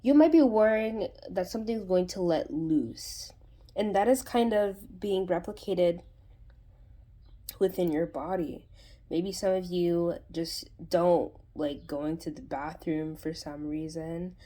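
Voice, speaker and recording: A woman's voice: on the low side, slow pace, mellow. A woman hosting her own channel, giving a casual spoken tarot reading in a rambling way, full of fillers and restarts. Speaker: tarot reader and channel host.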